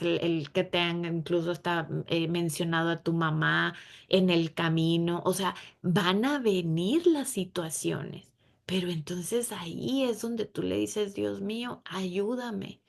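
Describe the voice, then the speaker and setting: A woman's voice: on the low side, vocal fry. A woman giving an earnest, conversational devotional talk to a women's group, acting out prayers and imagined dialogue as she goes.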